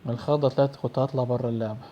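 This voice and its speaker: A man's voice: mid-range voice, fairly even intonation, very fast, dull audio. A young man with an Egyptian Arabic accent, commentating a horror game he's playing. He sounds jittery and prays under his breath. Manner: jittery, screams and prays when startled. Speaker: gaming youtuber.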